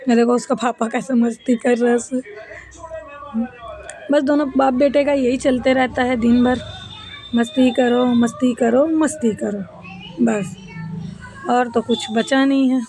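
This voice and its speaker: A woman's voice: sits high, level tone, measured pace, pauses often, a little mellow. A woman in her thirties narrating a casual home vlog, chatting with viewers as friends while she cooks and her family plays. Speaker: family vlogger.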